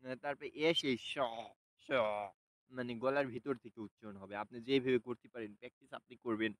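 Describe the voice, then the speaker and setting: A man talks through a lesson at an easy pace in a mid-pitched voice. He hesitates often, fills gaps with small sounds, and repeats single sounds slowly for the listener to copy. The recording is dry and close, with no room sound. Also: fairly even intonation, no echo, rough recording. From Bangladesh. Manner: unhurried, hesitant with many fillers, repeats sounds slowly for practice. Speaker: language teacher. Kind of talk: casual spoken lesson.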